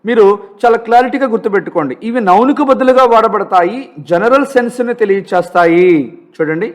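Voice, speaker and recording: High-voiced Telugu-accented male teacher. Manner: asks and answers his own questions, slow drilled examples. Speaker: English teacher. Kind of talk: exam-prep grammar lesson.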